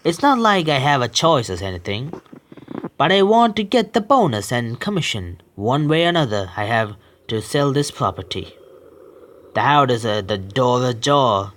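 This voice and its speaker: A young man with a mid-range, somewhat bright voice reads a horror visual novel aloud, his pitch swinging widely. He keeps stumbling over lines, correcting himself with quick apologies and reactions.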